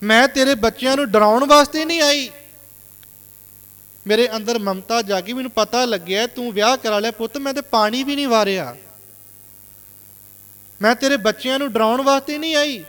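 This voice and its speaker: A man's voice: extremely high pitch, normal speed, pauses often, a bit bright, voice pushed up. A male preacher voicing an elderly mother who begs her son tearfully, in a hall with long reverb. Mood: pleading. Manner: tearful, begging.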